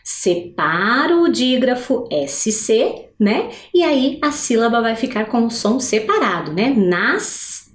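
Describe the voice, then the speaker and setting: A woman teacher giving a recorded video lesson for adults, slowly spelling out example words and putting questions to the viewers. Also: on the high side, big pitch swings. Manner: slow, drawn-out pronunciation of example words; asks questions to the viewers, frequent "né?". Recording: echoey room.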